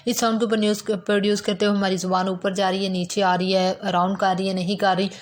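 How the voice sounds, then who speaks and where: A woman with a Pakistani accent and a medium-pitched voice lectures on English phonetics. She explains the terms step by step, mixing English words into her speech.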